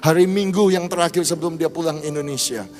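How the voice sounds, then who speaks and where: A man's voice: fairly high pitch, fast talker, darkish tone, soft background music. A man preaching a sermon, telling a testimony fervently and calling out to the congregation again and again. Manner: fervent, repeatedly addressing the congregation.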